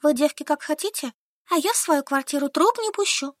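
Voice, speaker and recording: A woman's voice: sits high, lively intonation, fairly quick, dry recording, clean studio sound, voice pushed up. A woman voicing a squeamish, easily panicked young female teacher who squeals and pleads, in an audiobook. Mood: panicky. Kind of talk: audiobook character voice.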